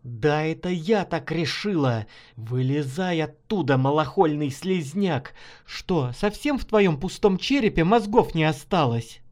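A man voicing a shrill, pleading young wife. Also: expressive, unhurried, few pauses, a little mellow. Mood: scornful. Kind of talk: dramatic audiobook reading.

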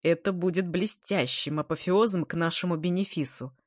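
A woman reading a story, voicing a cheeky, boastful schoolboy prankster in a lively manner. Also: lowish voice, moderate pace, no room sound, studio quality, close to an everyday voice.

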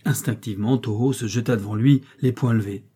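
A husky male narrator reads a classic adventure novel in a measured, dramatic style. His tone is dark and relaxed. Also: medium pitch. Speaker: audiobook narrator.

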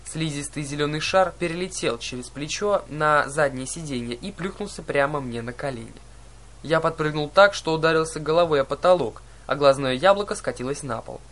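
A male storyteller reads an adventure novel with lively expression. His voice sits a bit higher than most men's. The tone is bright and crisp. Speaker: audiobook narrator. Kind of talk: scripted narration.

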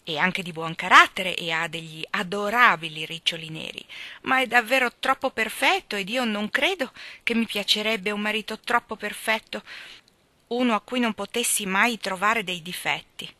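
A woman reading aloud plays a chatty, vain girl of eighteen, all gush and swooping emphasis. The voice is bright and crisp. It is set close in a dry, bare recording. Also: medium pitch, moderate pace, no echo, close to an everyday voice. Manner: theatrical, gushing, swooping emphasis. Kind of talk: audiobook character reading.

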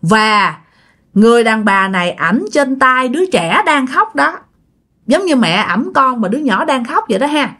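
A woman's voice: on the high side, sing-song, moderate pace, sharp tone. A woman telling a ghost story in a chatty way, speaking directly to her listeners. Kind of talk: casual ghost story narration.

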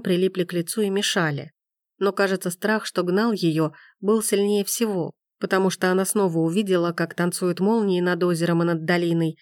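A woman narrating an audiobook in a measured storytelling manner. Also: on the low side, a little mellow, dry recording, clean studio sound.

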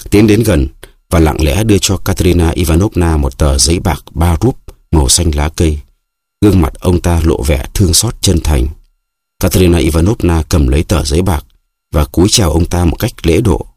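A man reading an audiobook aloud in a steady, measured narration. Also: deep voice, slightly rough, no room sound, clean studio sound. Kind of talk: scripted narration.

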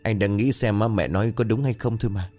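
A man's voice: fairly low pitch, quick pace, darkish tone, soft background music, close to an everyday voice. A man voicing a stubborn, hot-tempered young husband who answers curtly. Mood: tense.

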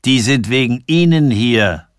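A man's voice: medium pitch, expressive, measured pace, no echo, clean studio sound, lightly acted. A man voicing a brash, jovial English academic who teases and cackles, read in a radio story. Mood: mocking.

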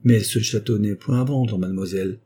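A courteous old baron of the gentry, patient and worn down by family quarrels, read by a male narrator. The voice is mellow and softly husky. He talks in a polite, measured way. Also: on the low side. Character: weary old aristocratic baron.

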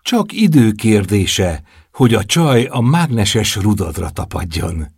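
A man's voice: lowish voice, big pitch swings, gravelly, darkish tone, husky, dry recording, studio quality, full character voice. A man voicing a brash young womanizer who teases his friend in crude, mocking words. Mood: teasing.

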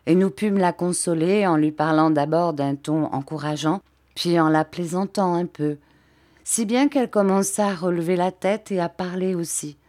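A woman reading a classic novel aloud in a measured, even storytelling manner. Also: on the low side. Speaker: audiobook reader.

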